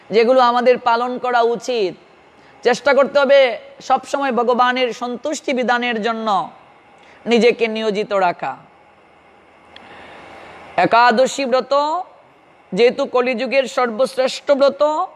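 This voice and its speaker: A man with a Bengali accent giving an earnest devotional sermon, instructing listeners directly. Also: very high voice. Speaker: preacher. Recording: long hall reverb.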